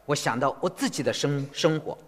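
A man interpreting a sermon phrase by phrase in an animated way. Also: a little high, fast talker. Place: church hall. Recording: long reverb of a church hall.

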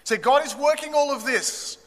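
A man, preaching a sermon in short measured phrases that pause for an interpreter. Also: very high-pitched, a bit bright. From Australia. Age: 60s. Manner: measured, pausing for translation. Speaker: pastor. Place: church hall. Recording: long reverb of a church hall.

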